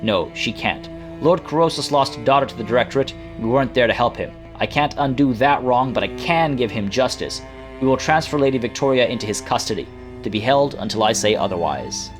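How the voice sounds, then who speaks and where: A man's voice: mid-range voice, lively intonation, a little fast, lightly acted. A man voicing an earnest, righteous young noblewoman leader in a video game, speaking formally. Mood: resolute. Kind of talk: video game dialogue read aloud. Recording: music playing behind.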